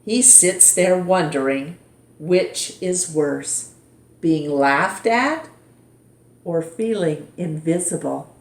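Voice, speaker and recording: A woman narrates a children's storybook in a fairly low voice, taking her time over every phrase. She is expressive and deliberate, shaping the story for young listeners. The room adds a clear echo. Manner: animated, deliberate, dramatizes dialogue for young listeners. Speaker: storyteller reading a picture book aloud. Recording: roomy echo.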